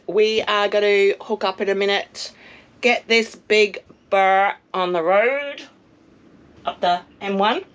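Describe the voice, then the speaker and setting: A hoarse woman, chatting casually and poking fun at herself in a travel vlog, outdoors at a caravan park. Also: mid-range voice. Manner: chatty, self-mocking. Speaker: travel vlogger. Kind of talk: casual chat.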